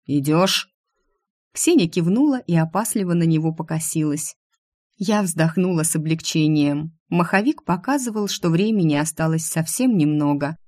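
A woman reading a fantasy audiobook in the first person, her voice a bit low for a woman. The sound is dry and close, with no room around it. Her narration is steady and attentive. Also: moderate pace, dry recording. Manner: urgent, pleading in dialogue.

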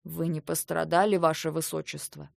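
A woman reading an audiobook, voicing a calm, loyal male bodyguard who speaks quietly in a lowered voice. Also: normal speed, gravelly, dry recording, studio quality.

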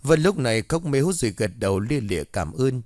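A man tells a ghost story in a steady, even narrating voice. His pitch sits in the middle range, and the recording is dry and close to the mic. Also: a little fast, no room sound.

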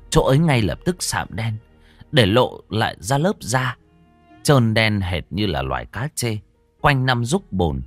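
A male storyteller reading a ghost story with a hugely animated, swooping pitch and dramatic pacing. His voice is mid-pitched and sits close and dry, with faint music underneath. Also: no echo. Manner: dramatic, varied delivery.

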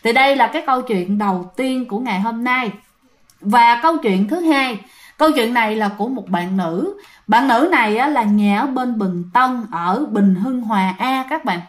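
A woman's voice: a little high, normal speed. Chatty woman telling ghost stories. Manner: chatty, addresses listeners directly. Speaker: storyteller. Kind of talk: ghost story narration.

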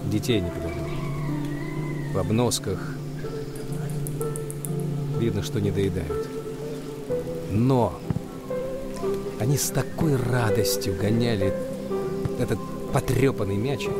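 A man's voice: fairly low pitch, close to an everyday voice. An actor playing a middle-aged football coach, stern but fatherly, in film dialogue.

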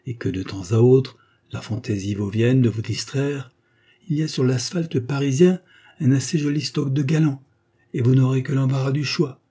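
A man's voice: mid-range voice, moderate pace, dark tone, slightly rough, voice pushed up. A man reading an audiobook, voicing a young officer who speaks with cutting irony. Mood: scornful. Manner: ironic, cutting. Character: young male officer, scornful and angry.

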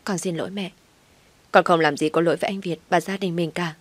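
A woman voicing a polite, tearful young wife in an audio story, pleading softly. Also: on the low side, steady tone, brisk, dry recording, natural voice. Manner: polite, pleading, choked with tears.

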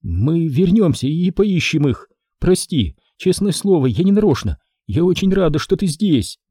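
Man doing a scared young woman in an audiobook, raised husky voice, dry close sound. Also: sits low, very animated, moderate pace, warm tone, no room sound, voice pushed up, heavily acted. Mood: relieved. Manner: tense, breathless, insistent. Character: frightened young woman, quick-witted and stubborn.

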